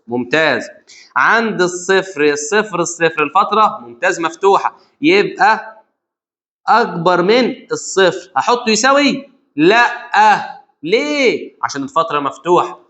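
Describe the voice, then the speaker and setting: A young man with an Egyptian Arabic accent teaching a math exam review, animated and repeating key rules to his students. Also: a little high. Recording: lo-fi dull sound.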